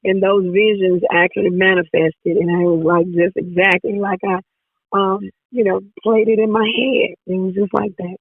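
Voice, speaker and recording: A woman singer with a hoarse, raspy voice, chatting casually as an interview guest and laughing often. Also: medium pitch, steady tone, normal speed, no echo. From Jackson, Tennessee area, US South. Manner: laughs often, repeats herself. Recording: dry phone-like line.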